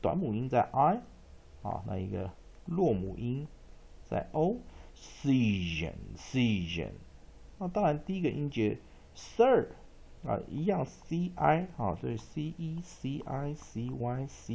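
A man teaching English spelling and pronunciation, spelling words out letter by letter and repeating each one slowly. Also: mid-range voice, creaky, warm tone, breathy edge. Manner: slow, drawn-out repetition of words and letters.

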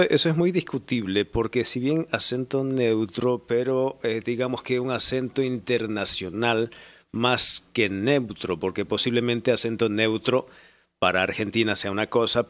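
A male podcast host in relaxed conversation. His voice sits at an ordinary middle pitch. He talks casually and pauses to search for the right word. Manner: thinks aloud, searching for words. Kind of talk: casual interview chat.

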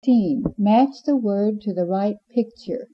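A woman teacher explains vowel sounds in clear, measured phrases. She speaks slowly and names each word plainly. The recording is dull, with a faint hiss underneath. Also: medium pitch. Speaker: language teacher. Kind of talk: instructional narration.

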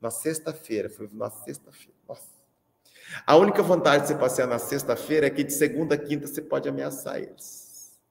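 A man with a Brazilian accent doing a comic monologue as a teacher, animated and repeating lines for effect. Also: mid-range voice, brisk, creaky. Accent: Brazilian Portuguese. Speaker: comedian playing a teacher. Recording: echoey hall with long reverb.

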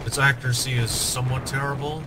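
A man's voice: mid-range voice, flat delivery, fast, over music. An American man chatting casually with his squad while playing, often trailing off and joking about his bad luck. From United States. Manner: rambling, self-mocking, trailing off mid-sentence. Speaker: gameplay commentator.

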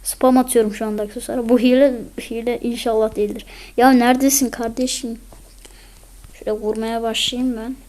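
A hoarse woman chatting through a mobile game match, bursting into excited yelling at tense moments. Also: on the high side, brisk. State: hoarse from illness. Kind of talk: casual gameplay commentary.

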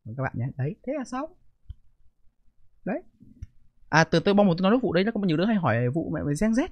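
A man's voice: high voice, very animated, fast talker, a little mellow, no room sound. A middle-aged man, a streamer giving blunt, profane, defensive commentary on a live stream.

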